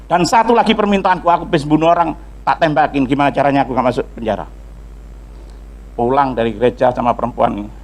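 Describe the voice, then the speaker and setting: A male pastor giving a lively testimony sermon to a congregation, acting out dialogue and singing snippets of hymns. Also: medium pitch, fast, pauses often, low-quality recording. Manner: animated storytelling with acted dialogue and sung snippets.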